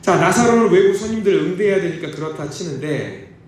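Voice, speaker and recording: Lively male pastor in an echoey church. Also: high-pitched, fairly quick, a little hiss or hum. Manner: animated, conversational, asks the congregation questions. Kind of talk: sermon. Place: church sanctuary. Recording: echoey church hall heard from a distance.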